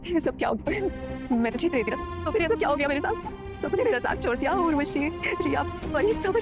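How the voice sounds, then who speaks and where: An actress playing a greedy, arrogant middle-aged restaurant owner in a melodramatic drama, bossy and scolding. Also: female voice, sits high, animated, fairly quick. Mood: despairing. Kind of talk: melodramatic web-series acting. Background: background music.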